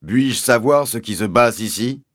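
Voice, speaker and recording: A man voicing a pompous, deliberate village police sergeant who speaks slowly and officiously. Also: mid-range voice, animated, no room sound, clean studio sound, pitched above the performer's own voice, natural voice.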